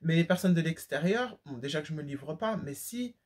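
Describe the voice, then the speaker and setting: Candid woman vlogger, husky voice. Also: low voice, lively intonation, brisk, a little mellow. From France. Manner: candid, emphatic, lots of fillers and slang. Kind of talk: casual talk to camera.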